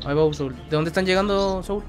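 High-voiced Mexican gamer calling the shots. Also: male voice, brisk, over music. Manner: bossy, repetitive call-outs with slang. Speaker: gamer leading a raid squad. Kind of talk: casual live game chat.

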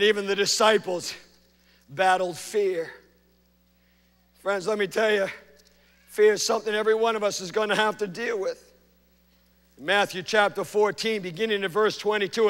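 Male pastor, high-pitched, dynamic preaching delivery, church reverb. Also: clear, resonant tone. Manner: preaching with big swings from hushed to loud. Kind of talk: sermon. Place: church sanctuary.

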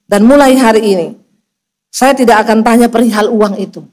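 A middle-aged woman pastor, preaching a storytelling sermon and acting out each voice with big pitch swings. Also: a little fast, a little mellow. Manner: acts out dialogue with dramatic pitch swings.

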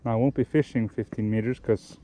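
A young man talks through fishing tips beside a lake in a mellow, warm voice, at an unhurried pace. He explains things patiently and often stops to rephrase or correct himself. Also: medium pitch. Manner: relaxed, explanatory, with frequent restarts and self-corrections. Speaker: fishing vlogger. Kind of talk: casual instructional talk while fishing. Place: outdoors by a lake.

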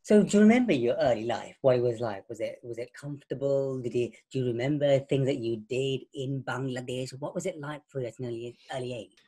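A man's voice: medium pitch, a little fast, mellow, slightly rough. A man interviewing a guest, asking patient questions and restating the answers before moving on. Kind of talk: oral history interview.

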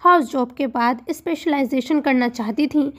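A woman narrating a romantic audiobook novel in a steady reading voice. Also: sits high, normal speed. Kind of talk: scripted storybook narration.

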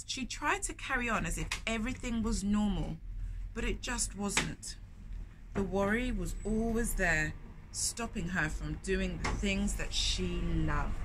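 A middle-aged woman hosting storytime, reading a picture book aloud expressively, with chatty asides and questions for young listeners. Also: mid-range voice. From lives in London, England. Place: indoors in a bookshop. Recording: clear background noise, shop ambience. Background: background ambience noise.

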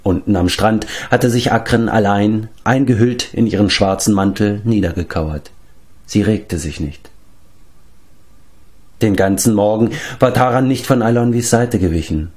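A man narrating an audiobook in a measured, low storytelling tone. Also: a little mellow. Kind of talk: audiobook reading.

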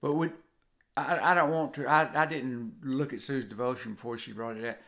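A man in his 60s or older with a Southern US accent co-hosts a devotional video indoors in a home kitchen. His medium-pitched voice is creaky and fairly bright, with fairly even intonation at normal speed, and he speaks informally and earnestly, often repeating phrases for emphasis.

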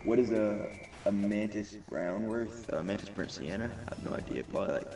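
Young streamer with a gravelly voice. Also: male voice, fairly low pitch, brisk. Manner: hyped, slangy, reads chat aloud. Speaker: gaming streamer. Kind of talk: casual live-stream chat. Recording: distant mic under loud game music. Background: loud game music.

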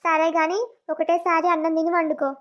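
A kind, soothing mother-in-law from a village cartoon, voiced by a woman. She speaks gently in a very high voice. The audio is dull and lo-fi. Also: monotone, brisk. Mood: caring.

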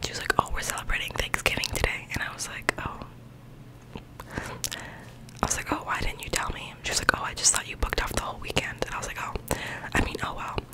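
A woman's voice: fast, pauses often, low-quality recording. A young woman tells everyday stories in an intimate, breath-only whisper. She rambles informally, right up close to the microphone, in a casual ASMR style. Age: young adult. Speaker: ASMR creator. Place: small bedroom, indoors. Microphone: large microphone with foam cover, very close.

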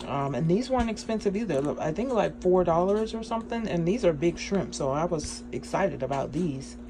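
A woman chatting excitedly in a casual grocery haul vlog from a small home kitchen, with many ums along the way. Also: lowish voice, fairly quick, noisy background. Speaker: vlogger.

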